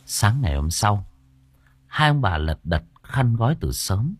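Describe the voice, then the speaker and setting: A man narrating an audiobook story in an expressive storytelling manner. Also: lowish voice, measured pace, slightly rough. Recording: narration with faint music.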